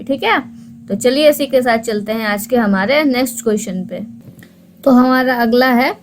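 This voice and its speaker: Woman teacher with a high voice, keeps asking her own questions and answering them, reads english options out slow, faint hiss behind. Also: low-quality recording. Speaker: English teacher for exam prep. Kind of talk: explanatory online lesson.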